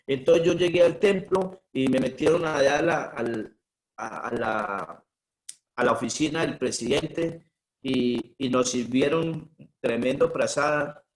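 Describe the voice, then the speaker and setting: A man's voice: medium pitch, unhurried, low-quality recording. A middle-aged man, a spiritual teacher telling personal stories in a conversational way, often checking in with a questioning "sí". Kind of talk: personal storytelling talk.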